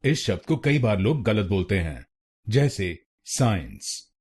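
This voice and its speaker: A man with an Indian accent teaching pronunciation, slowly repeating words syllable by syllable. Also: lowish voice, expressive, a little mellow, breathy edge. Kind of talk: instructional pronunciation tutorial.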